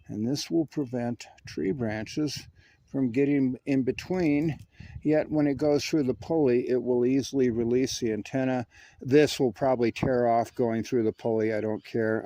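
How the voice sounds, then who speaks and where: A man with a mid-range voice and dark tone hosts a hobby video for a radio hobby channel, and the recording is dry. In a folksy way, he demonstrates and narrates a hands-on job step by step.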